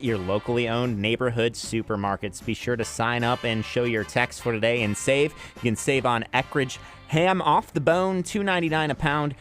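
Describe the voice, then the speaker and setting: In a radio studio, an American man hosts an afternoon drive music show as DJ, linking songs and reading sponsor messages into a close broadcast microphone. His mid-range voice is a bit bright.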